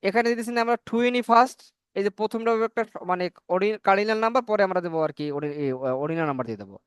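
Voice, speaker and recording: A man teaching a spoken English class, repeating each number slowly so learners can say it after him. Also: high-pitched, animated, smooth, no room sound.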